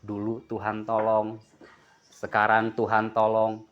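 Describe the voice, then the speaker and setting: A man's voice: on the low side, slow pace, dull audio. A man preaching a sermon, joking and asking the congregation questions as they answer back. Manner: lively, jokes and asks the congregation questions.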